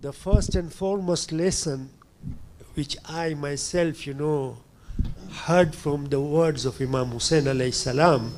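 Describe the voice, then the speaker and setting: An older man from Tanzania, an audience member asking a question, speaking hesitantly and often pausing to search for words. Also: fairly high pitch, a little mellow. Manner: hesitant, fills pauses with "you know".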